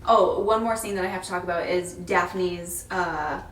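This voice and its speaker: A woman's voice: fairly low pitch, fairly even intonation, moderate pace. Giggly woman, echoey distant mic. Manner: giggly, reads off a list of trivia. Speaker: podcast co-host. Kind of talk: casual chat. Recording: echoey room, distant mic, faint noise.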